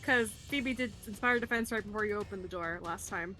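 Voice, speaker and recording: A woman's voice: medium pitch, brisk, bright, forceful tone, soft background music. A woman player chatting wryly during a tabletop game. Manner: chatty, wry.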